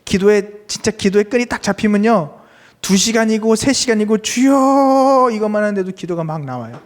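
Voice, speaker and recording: A man preaching a sermon to a young adults' service, asking the congregation questions and reading scripture aloud, swinging between fervent raised prayer and soft low speech. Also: fairly quick. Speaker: pastor.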